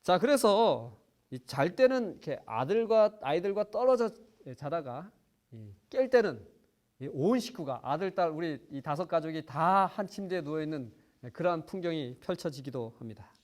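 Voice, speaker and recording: A man's voice: fairly high pitch, sing-song, normal speed, darkish tone. A man preaching a sermon, telling a personal story earnestly, with frequent small fillers and phrases that swell for emphasis.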